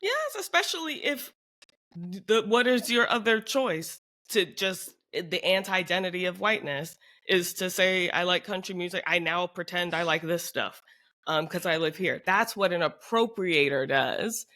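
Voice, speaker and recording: A woman's voice: lowish voice, moderate pace, pushed and bright. A woman co-hosting a casual podcast chat, speaking emphatically and firing off rhetorical questions. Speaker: podcast co-host.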